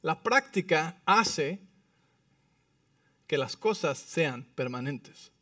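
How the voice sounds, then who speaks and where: A man with a fairly high voice delivers a sermon from a pastor's pulpit. He keeps checking in with the congregation and moves between hushed asides and emphatic lines. He sounds set back from the microphone, in a dry, unreverberant space. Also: lively intonation, drawn-out words, no echo, distant mic. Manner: frequent tag questions to the congregation. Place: church.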